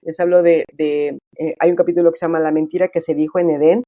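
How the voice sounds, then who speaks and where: A middle-aged woman talks casually as an interview guest, full of fillers and acted-out quotes. Her voice is mellow and warm, recorded dry and close with no room sound. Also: sits low, little pitch movement, fast, no room sound. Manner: chatty, many fillers, acts out quoted dialogue.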